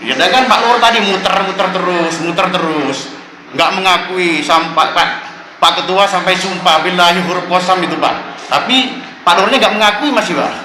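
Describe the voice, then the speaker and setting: A man's voice: high voice, moderate pace. A man, making an impassioned complaint at a council hearing and insistently addressing the officials as "Pak" after nearly every phrase. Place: council meeting room. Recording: echoey room with steady background noise.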